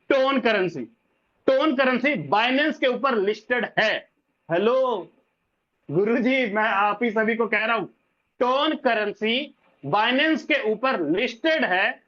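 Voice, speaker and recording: High-pitched guy hyping crypto on a live call, pushy and repetitive, muffled lo-fi audio. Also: pushed and bright. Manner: pushy, repetitive, addresses listeners as brother and sir. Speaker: crypto scheme presenter. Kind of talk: live online meeting pitch.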